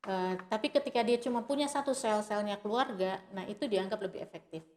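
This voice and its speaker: A woman activist answering interview questions in a measured way, often pausing on "eh" and starting points with "nah". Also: mid-range voice, a little mellow. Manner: measured, with frequent "eh" fillers and "nah" openers. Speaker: guest, women's rights activist.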